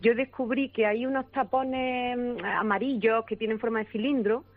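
A woman's voice: fairly high pitch, steady tone, normal speed, no room sound. Brief: female caller, hesitant, lots of fillers, tinny phone sound. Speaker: radio caller. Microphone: telephone.

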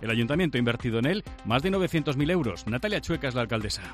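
A man's voice: mid-range voice, animated, very fast, faint music behind. A man with a Spanish accent from Spain reading a scripted local radio news bulletin.

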